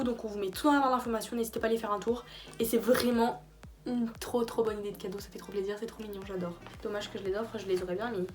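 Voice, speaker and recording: A woman's voice: medium pitch, darkish tone. A young woman in a casual gift-idea vlog, tired late at night, chatty and rambling with fillers and restarts. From France. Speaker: YouTuber. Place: small bedroom.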